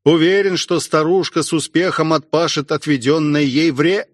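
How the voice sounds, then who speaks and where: A man voicing a gruff, wry veteran male station commander in an audiobook, talking in an unhurried way. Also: fairly high pitch, fairly even intonation, no echo, studio quality, natural voice. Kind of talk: audiobook character voice.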